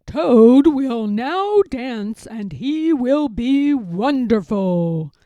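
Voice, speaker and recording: A woman puts on a mysterious stage announcer from a storybook dream. The voice is grand and loud, stretching each proclamation out very slowly with sweeping pitch. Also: animated, no room sound, highs cut off. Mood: grand, proclaiming. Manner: booming, drawn-out showman proclamations. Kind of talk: children's storybook character voice.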